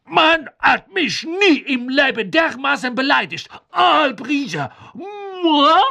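A man voicing a towering, proud headmistress, shrill and indignant. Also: very animated, slow pace, vocal fry, bright, forceful tone, heavily acted. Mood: outraged. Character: towering proud French headmistress, haughty and icy.

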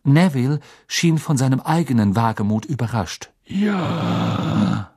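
A man reading an audiobook as narrator, measured and expressive storytelling. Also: medium pitch, husky. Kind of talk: scripted narration.

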